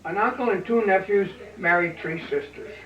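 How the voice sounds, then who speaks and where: A man's voice: high voice, moderate pace. An older man recalling his family history in an interview, unsure and restarting his sentences. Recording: echoey room, distant muffled mic, chatter behind.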